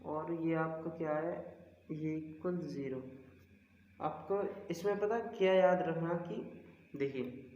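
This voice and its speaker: A man's voice: fairly high pitch, takes it slowly, darkish tone, a little hiss or hum. Male teacher in an echoey hall. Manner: step-by-step, keeps asking the class rhetorical questions. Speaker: math teacher. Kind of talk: board-work lesson explanation. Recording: echoey hall, dull lo-fi sound.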